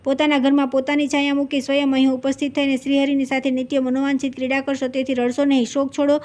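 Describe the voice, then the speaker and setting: A woman's voice: sits high, monotone, fast talker, a little mellow, lightly acted. A woman reading the lines of a divine voice from the sky consoling a weeping woman in a devotional story.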